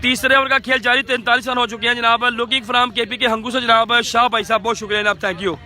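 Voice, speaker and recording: A Pakistani man giving excited live cricket commentary outdoors, repeating phrases and dropping in English words. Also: extremely high pitch, a little fast.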